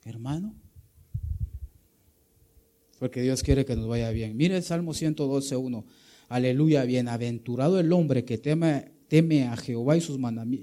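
A man's voice: medium pitch, dark tone. A man with a Guatemalan Spanish accent preaching a sermon, emphatic and full of rhetorical questions, often calling listeners brother.

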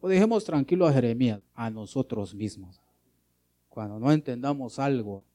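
A man's voice: medium pitch, animated, moderate pace. A man preaching a sermon, asking rhetorical questions and calling his listeners brother. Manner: emphatic preaching with sudden swings in loudness, rhetorical questions; keeps addressing listeners as brother.

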